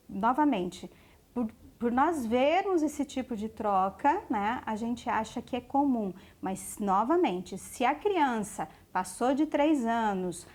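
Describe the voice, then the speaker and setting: A Brazilian woman with a slightly high voice talks to families as a speech therapist. She explains patiently, often checks in with a quick question, and slows down when she gives a warning. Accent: Brazilian Portuguese. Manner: explanatory, frequent tag questions "né?" and "ok?". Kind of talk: educational talk to parents.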